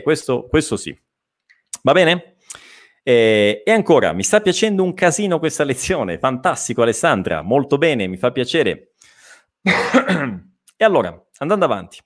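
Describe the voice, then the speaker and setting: An Italian man with an Italian accent, teaching a live online language lesson and explaining pronunciation patiently. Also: mid-range voice. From Italy. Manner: explanatory, repeats words slowly, reads chat questions.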